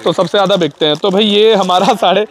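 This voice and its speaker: A young man with a notably high, light voice talks casually into a lapel mic while walking through a parts shop. He repeats prices aloud and addresses his viewers like a brother. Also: fast. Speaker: vlogger touring a shop. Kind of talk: casual shop tour vlog. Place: indoor auto parts shop and warehouse.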